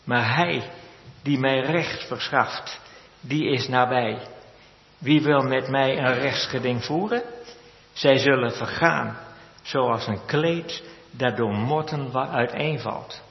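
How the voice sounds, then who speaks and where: Slow, gravelly preacher in an echoey church. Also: male voice, mid-range voice. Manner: slow, measured preaching with solemn repetitions. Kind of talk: sermon. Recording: echoey church hall, lo-fi sound.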